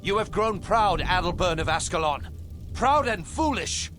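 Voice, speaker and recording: A man's voice: sits high, lively intonation, a little slow. A man playing a proud, defiant human prince, speaking in an earnest, noble, declamatory way in a video game cutscene. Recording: loud music behind. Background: loud music.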